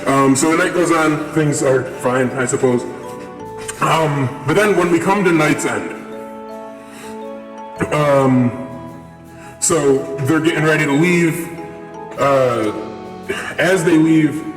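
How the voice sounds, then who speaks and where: A man's voice: a little high, slow, pauses often. A young man rambling through a casual story with lots of fillers, his voice run through a voice changer. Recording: echoey with long reverb, music behind.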